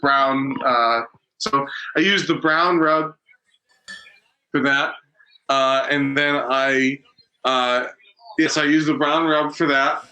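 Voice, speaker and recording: Bright-voiced man rambling casually. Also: medium pitch, fairly even intonation, rough recording. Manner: rambling, halting, many fillers and restarts. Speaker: podcast co-host. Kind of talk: casual chat.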